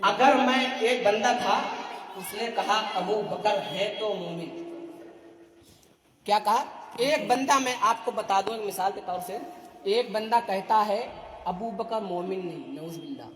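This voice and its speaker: High-voiced preacher in an echoey hall. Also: male voice, measured pace, slight background noise. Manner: rhythmic, repetitive rhetorical listing, prompts audience responses. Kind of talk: sermon. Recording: echoey hall, distant mic.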